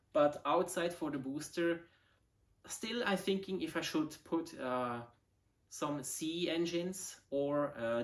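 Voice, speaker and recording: He's a fortysomething model rocket enthusiast whose native tongue is Swiss German, presenting a relaxed show-and-tell on his channel. His pitch is fairly high, and his accented English comes out haltingly, padded with fillers as he reaches for the right words.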